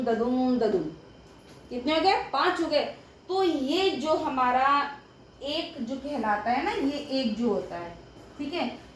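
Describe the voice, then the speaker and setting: A young woman with a high voice teaches a grammar lesson. She breaks each point into small steps and keeps checking that her students follow. The room is echoey, with a faint hiss behind her. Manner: explains step by step, often checks with "ठीक है". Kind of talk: explaining a lesson at a board.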